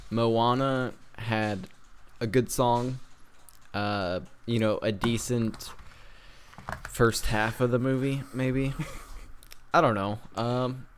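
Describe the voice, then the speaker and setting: A man co-hosting a podcast in casual chat, unhurried and full of fillers and trailing thoughts. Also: medium pitch, steady tone, slight background noise. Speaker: podcast co-host.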